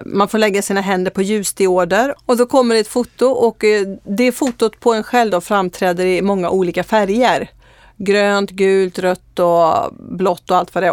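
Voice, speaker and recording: A woman's voice: medium pitch, dry recording. Woman, earnest testimony, casual chat, frequent fillers, close dry recording.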